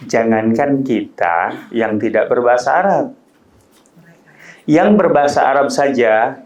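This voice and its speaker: A man's voice: on the high side, a little mellow. A man, giving a conversational, joking religious talk that climbs to emphatic peaks. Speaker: Islamic preacher. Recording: roomy echo.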